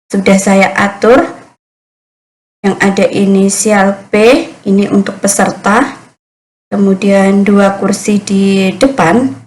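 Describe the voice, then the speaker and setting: A woman's voice: mid-range voice, a little mellow, rough recording. A woman presenting an explanatory tutorial in a methodical, step-by-step manner. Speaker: presenter demonstrating meeting management.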